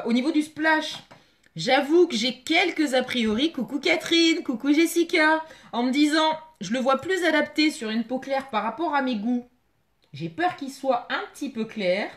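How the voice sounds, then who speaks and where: Female live streamer, fairly high voice, excitable and chatty, keeps greeting viewers by name. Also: moderate pace.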